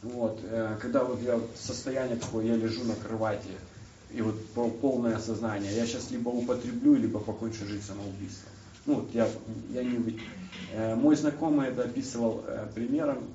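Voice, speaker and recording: A young man tells his own story to a listening group, his speech halting and full of restarts. His voice is mellow and unforced. He is picked up from a distance in an echoey hall, the sound a bit dull, with faint room noise behind him. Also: medium pitch, fairly even intonation. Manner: halting, searching for words, many restarts. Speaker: recovery speaker sharing his story. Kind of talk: personal testimony to a group.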